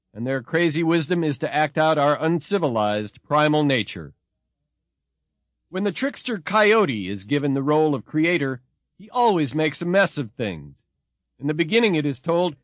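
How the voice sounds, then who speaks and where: A man giving a measured, expressive scripted narration as a narrator. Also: fairly high pitch, no room sound.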